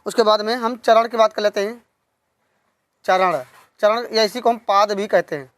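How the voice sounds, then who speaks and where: A woman of middle pitch teaches poetics, speaking straight into a dry, close microphone. She repeats each key term slowly and poses questions to her students that she answers herself. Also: fairly even intonation, no echo. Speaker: Hindi literature teacher. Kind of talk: online exam-prep lesson.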